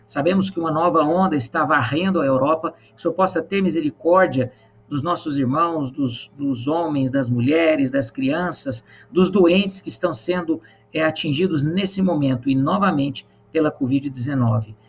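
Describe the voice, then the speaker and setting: A man hosting an online church program, praying and greeting viewers in an earnest, measured way with many pauses. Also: a little high, lo-fi sound, slight background noise. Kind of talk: prayer and live-stream hosting.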